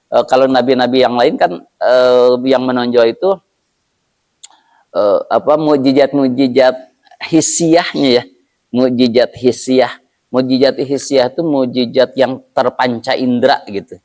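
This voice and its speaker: A man's voice: mid-range voice, a little mellow. A male preacher teaching an evening religious study in a conversational way, with frequent hesitant fillers.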